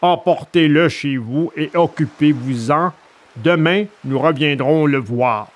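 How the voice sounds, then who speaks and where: A man's voice: fairly high pitch, slow. A man voicing a stern adult gendarme who interrogates and gives curt military orders, in a storybook reading.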